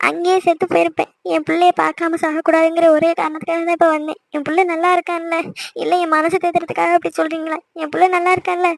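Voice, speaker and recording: A woman voicing a distraught middle-aged mother who pleads and repeats herself over her injured son, for an amateur animated serial. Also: very high-pitched, fast, gravelly, no room sound.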